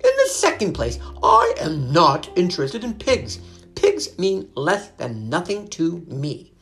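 A woman's voice: fairly low pitch, huge pitch swings, measured pace, faint music behind, voice pushed up, heavily acted. A woman voicing a young, prim lamb who speaks in a dismissive way.

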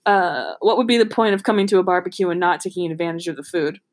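A woman's voice: fairly low pitch, fast. A woman reading a novel aloud in an amateur, casual way, giggly and breaking off to joke and comment. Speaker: podcast host reading a book aloud.

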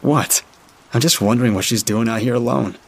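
A man's voice: medium pitch, fairly quick, vocal fry, pitched above the performer's own voice. A man voicing a pushy, tipsy young man who wheedles and leers in a story reading. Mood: wheedling.

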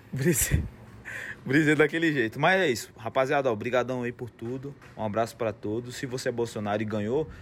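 A man's voice: mid-range voice, a little fast, slight background noise. A man with a Brazilian accent hosting a podcast, chatting casually and peppering his talk with slang tags. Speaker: podcast host. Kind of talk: casual slangy chat and sign-off. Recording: music playing behind the voice.

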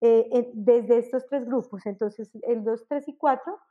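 A woman explaining personality types in a conversational interview, animated and acting out examples. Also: on the high side, a little slow, phone-quality sound. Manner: animated, acts out examples with exclamations. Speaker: enneagram guest expert.

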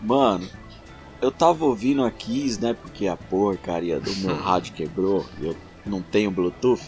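A Brazilian man in casual podcast chat, an animated storyteller full of slang who acts out the dialogue. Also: low-pitched, moderate pace, highs cut off, soft background music. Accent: Brazilian Portuguese.

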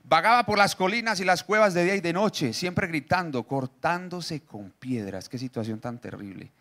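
A man's voice: on the high side, moderate pace, a bit bright. Upbeat male preacher. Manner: jokey, asks the audience questions, reads scripture aloud. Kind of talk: sermon.

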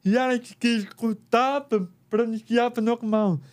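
A Brazilian man with an unusually high, smooth voice tells his story in an interview. He shapes each word slowly and deliberately. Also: fairly even intonation. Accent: Brazilian Portuguese. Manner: slow, careful, deliberate articulation. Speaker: interview guest. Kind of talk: personal story in conversation.

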